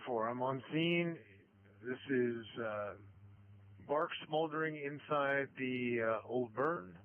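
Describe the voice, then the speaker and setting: A man working as a fire commander, giving businesslike, halting instructions to units over a two-way radio. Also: medium pitch. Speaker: firefighter commanding at a fire scene. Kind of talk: firefighter radio traffic, directing units. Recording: muffled lo-fi radio transmission.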